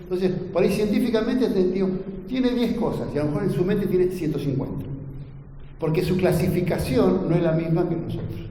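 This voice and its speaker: A man gives an earnest lecture, his voice mellow and pitched a little high. He keeps drawing the audience in with quick tag questions. He sounds distant in a long-echoing hall with a faint hum of room noise. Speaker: agronomy lecturer.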